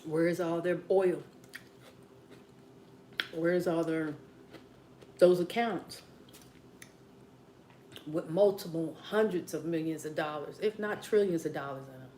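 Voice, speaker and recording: A woman's voice: sits low, unhurried, long pauses, rough recording. Woman, southern american accent, casual livestream chatter, rambling asides, faint background noise. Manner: rambling, talks to viewers as besties, drops into quiet asides. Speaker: mukbang livestream host. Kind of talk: casual late-night livestream chat. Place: at home.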